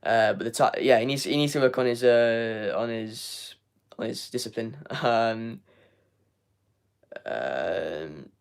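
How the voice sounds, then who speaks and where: This young man's medium-pitched voice is slow, creaky and smooth as he hosts a live football fan review and reads chat. Losing his voice, he rambles along with frequent fillers and repeated words.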